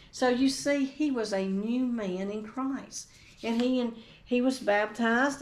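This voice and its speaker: A woman's voice: mid-range voice, a little mellow. Earnest woman preaching a sermon. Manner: earnest, reads scripture aloud and tells a personal testimony. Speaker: pastor.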